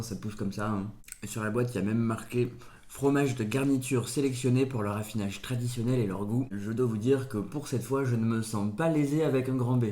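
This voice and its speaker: A man's voice: lowish voice, a little mellow. A man hosting a casual food-tasting vlog at home, playful and punning, with mock-solemn verdicts. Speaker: food reviewer. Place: home, at the table. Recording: roomy echo.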